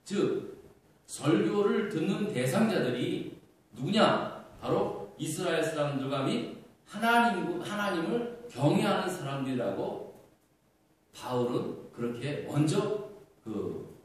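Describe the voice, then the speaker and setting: Casting note: middle-aged pastor, man, slightly high voice, earnest preaching, distant mic in a roomy church. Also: very animated, slow pace. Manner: earnest preaching with rhetorical questions and fillers. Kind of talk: sermon. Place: church sanctuary. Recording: echoey church hall, far from mic.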